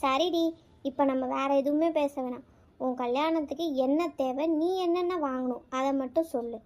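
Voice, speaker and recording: A woman voicing a heartbroken but caring young friend in a cartoon, who talks softly and tearfully. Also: sits high, normal speed, lightly acted. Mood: encouraging. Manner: soft, tearful.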